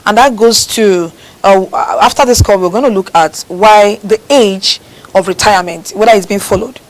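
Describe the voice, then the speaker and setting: Woman, call-in show host, brisk, middle pitch. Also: low-quality recording. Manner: brisk, takes calls, presses callers to speak up. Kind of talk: broadcast call-in talk.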